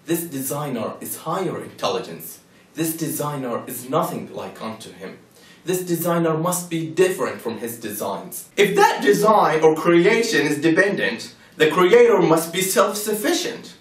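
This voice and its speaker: Presenting a religious argument, a man delivers a scripted, persuasive case full of rhetorical questions, emphatic and argumentative. His voice is high and animated at a normal speed, recorded far from the mic in an echoey room.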